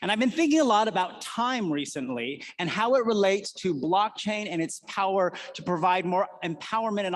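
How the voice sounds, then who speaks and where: Man in his forties, high-pitched, earnest conference keynote speaker telling personal stories. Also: a bit bright. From United States. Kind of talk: prepared keynote talk.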